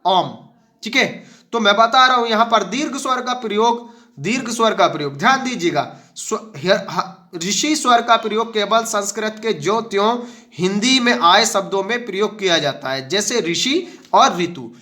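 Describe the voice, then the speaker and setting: A man's voice: high-pitched, animated, normal speed, bright, forceful tone. A male teacher giving an exam-prep lesson, asking the class questions and answering them himself. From India.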